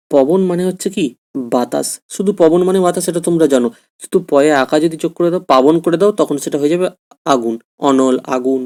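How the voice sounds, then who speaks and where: Mellow-voiced man teaching a lesson. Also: on the high side. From West Bengal, India. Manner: patient, repetitive, addresses students directly. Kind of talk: exam-prep grammar lesson.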